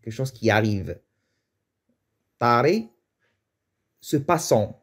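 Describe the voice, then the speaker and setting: A man's voice: mid-range voice, sing-song, takes it slowly. Man teaching, hesitant and chatty. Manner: hesitant, thinks aloud with restarts and chuckles. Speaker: Moroccan Arabic teacher. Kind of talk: casual explanatory lesson.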